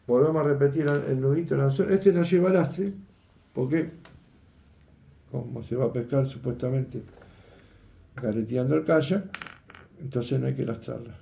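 A gravelly, warm mid-range voice belongs to an older fishing instructor who shows a rig setup at a table indoors, moving at a moderate pace with long pauses. He chats as he works, frequently asking "¿eh?" and "¿ves?". The sound is roomy.

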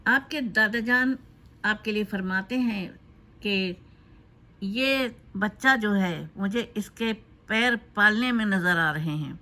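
A woman giving a spoken tribute in a loose, unscripted way, pausing often with fillers. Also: mid-range voice, sharp tone. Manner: hesitant, with frequent filler pauses. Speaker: narrator of a tribute video.

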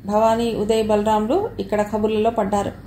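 A woman reading a novel aloud as an audiobook narrator, with a steady storytelling manner. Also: medium pitch, normal speed. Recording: echoey room with faint noise.

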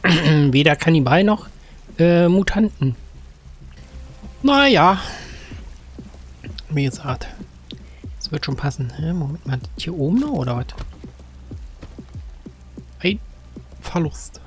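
A man giving casual gameplay commentary, chatting to game characters with sudden excited outbursts. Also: fairly high pitch, takes it slowly, pauses often. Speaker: gaming let's-player. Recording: faint game music behind.

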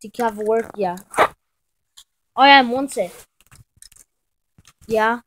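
A woman doing fan machinima voice acting, switching between playing a teacher and schoolkids, with loud excited outbursts. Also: on the high side, takes it slowly. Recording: noisy home recording with clicks.

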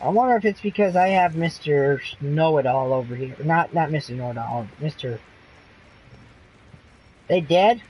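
A man's voice: on the high side, normal speed, pauses often, darkish tone, slight background noise, poor audio. A man chatting over a headset during a co-op shooter game, ranting and swearing in frustration at his teammates. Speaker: gamer streaming co-op play. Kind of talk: casual gaming chat.

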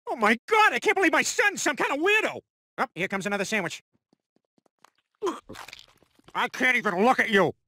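A man voicing an oafish, shameless middle-aged dad in an animated comedy, nasal and blustery. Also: sits high, fast. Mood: outraged.

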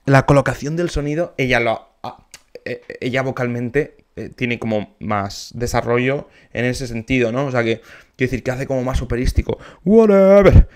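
An eager musician reacts to videos in casual commentary, his voice sitting in the mid-range. He's enthusiastic and breaks into short sung snatches to demonstrate his points.

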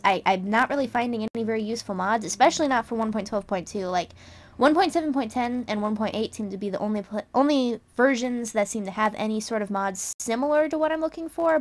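A young adult woman hosting a casual game tutorial, chatty and rambling, often correcting herself and teasing her viewers. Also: fairly high pitch. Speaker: channel host.

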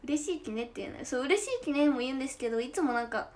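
A young woman with a high, bright-pitched voice and a Tosa dialect accent chats casually on a livestream. She giggles often and lets her phrase endings trail off softly. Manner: chatty and giggly, drawn-out soft endings. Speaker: idol livestream host. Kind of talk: casual livestream chat reading comments.

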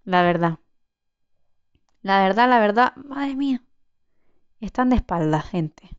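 A woman's voice: medium pitch, animated, measured pace, clear, resonant tone, lo-fi sound. A young woman commenting casually on her survival game, chatty, swearing and exclaiming as she plays. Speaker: gaming channel host. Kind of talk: casual let's-play commentary.

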